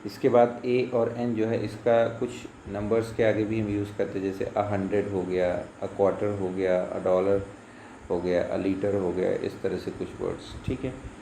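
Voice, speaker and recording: A man teaches a grammar lesson, patient and steady, posing questions and answering them himself. His voice bounces around an echoey room, with faint crickets and insects audible in the background. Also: on the low side, a little slow, gravelly, a little hiss or hum. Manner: patient, asks and answers his own questions, repeats "ठीक है". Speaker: school English teacher. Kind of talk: grammar lesson explained in Hindi.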